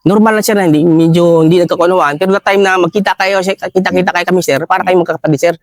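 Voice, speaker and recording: A man telling a war story in an interview, deferential, adding sir to almost every phrase, halting with fillers. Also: high voice, fairly even intonation, no room sound, clean studio sound, soft background music. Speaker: retired soldier interviewee.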